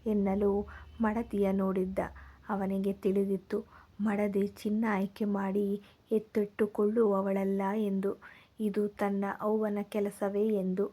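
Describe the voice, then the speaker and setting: A woman storyteller reading a scripted story in a calm, measured way. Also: mid-range voice.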